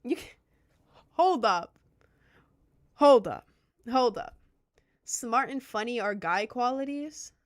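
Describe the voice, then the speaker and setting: A young content creator in her twenties from Maryland chats casually with her livestream viewers, rambling and poking fun at herself. Her voice is a little high and expressive, slow, with long pauses. Her accent is a light Southern American one mixed with a bit of New York.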